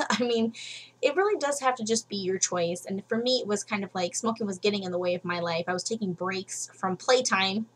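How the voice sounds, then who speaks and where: A woman's voice: fairly quick, a little hiss or hum. A young woman vlogging casual advice from home, frank and chatty, with many fillers. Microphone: webcam. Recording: low-quality home webcam recording.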